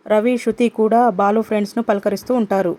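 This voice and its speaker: A woman narrating a recap of a family drama in steady, scripted storytelling. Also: medium pitch, fairly quick.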